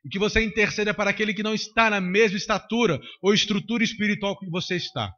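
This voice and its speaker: High bright preacher. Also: male voice, quick pace. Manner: emphatic, repetitive. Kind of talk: sermon. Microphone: handheld microphone. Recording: dull lo-fi recording.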